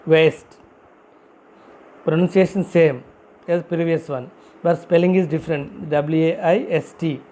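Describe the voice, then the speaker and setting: A man explains vocabulary at a very unhurried pace, spelling each word out letter by letter. His voice is mellow and dark but sits fairly high, and he repeats every example sentence. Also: rough recording. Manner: slow, repetitive, spells words out letter by letter. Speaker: English teacher. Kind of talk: vocabulary lesson.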